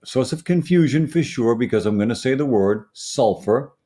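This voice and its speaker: A man's voice: medium pitch, lively intonation, a little fast, warm tone. A man with a Brooklyn accent gives a conversational expert explanation in an emphatic, teacherly way, often checking in with short tag questions. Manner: emphatic teacherly delivery with frequent tag questions like "right" and "okay". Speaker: dental pharmacology expert guest.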